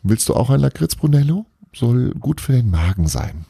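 A man's voice: medium pitch, sing-song, moderate pace, gravelly, warm tone, husky, no room sound, clean studio sound, voice pushed up, full character voice. A man reading aloud while voicing a bossy, cheeky young girl in a children's story. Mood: teasing.

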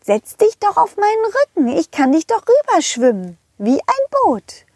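A woman's voice: a little slow, no echo, studio quality, full character voice. A woman voicing a playful, teasing female pink horse in a children's audio story. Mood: chatty. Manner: teasing, giggly, high and excited.

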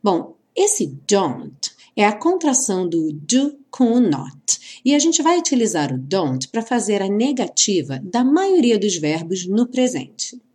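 Slow, lively-voiced woman teaching English. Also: medium pitch. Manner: slow, careful, drawn-out model sentences. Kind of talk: explaining English for Portuguese speakers.

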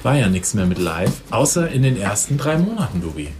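A man's voice: on the low side, big pitch swings, brisk, over music. A man co-hosting a casual podcast chat, talking in a chatty, stumbling way with many restarts. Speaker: podcast co-host, musician. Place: studio with table mics.

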